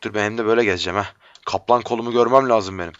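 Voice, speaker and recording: A man giving frustrated live commentary while playing a game, swearing and breaking into shouts, his voice going hoarse. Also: on the low side, fairly even intonation, rapid-fire, dry recording, muffled recording. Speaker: gamer.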